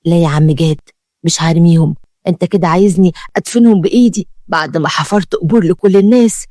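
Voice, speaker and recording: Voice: medium pitch, quick pace, warm tone, no echo, clean studio sound, natural voice. A storyteller with an Egyptian accent voicing a stubborn poor woman who digs graves, pleading and determined. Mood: defiant. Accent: Egyptian Arabic.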